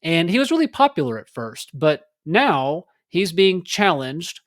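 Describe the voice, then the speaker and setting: A man's voice: on the high side, big pitch swings, measured pace, no room sound, studio quality. A man from Texas hosting his own podcast, talking casually about politics and daily life in a rambling way with many fillers. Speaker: podcast host. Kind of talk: casual solo political talk.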